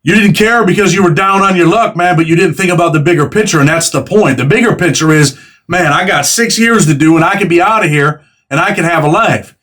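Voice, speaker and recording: Hosting a laid-back interview, this fortysomething man keeps things quick and chatty, dropping streetwise slang. He has a slightly high, somewhat bright voice.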